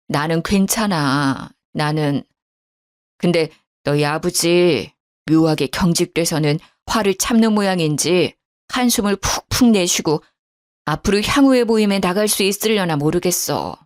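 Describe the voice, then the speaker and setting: A woman's voice: lowish voice, animated, measured pace. An indignant older mother on the phone in a storybook drama, read by a woman narrator. Her talk runs agitated and protective, the voice swinging up when she is outraged and sinking when she backs off. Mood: subdued.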